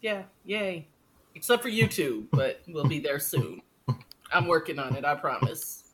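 Woman, fifties, podcast co-host, rambling, lively pitch. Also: a little slow. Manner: rambling, self-interrupting, chatty. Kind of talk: casual chat.

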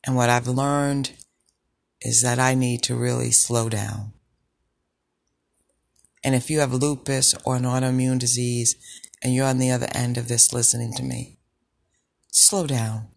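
A woman with a low, sultry voice hosting a personal podcast, speaking in a deliberate, reflective way with pauses. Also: level tone, vocal fry, a little mellow, dry recording. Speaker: podcast host. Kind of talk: personal health podcast monologue.

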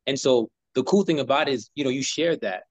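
Guy hosting an interview, chatty and affirming, avg pitch, dry close sound, lots of "you know". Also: quick pace, no room sound. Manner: conversational, affirming, many "you know" fillers. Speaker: interview host. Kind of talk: casual interview talk.

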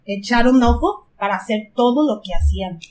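Give me an older Mexican woman telling a long story on a casual podcast, taking her time, her voice a bit high. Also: expressive, darkish tone. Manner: unhurried, repeats words for emphasis.

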